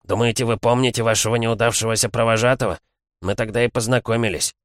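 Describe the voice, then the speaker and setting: A man doing a scornful, calm warrior. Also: medium pitch, quick pace, dry recording, studio quality, pitched above the performer's own voice, lightly acted. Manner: calm, scornful, lightly mocking.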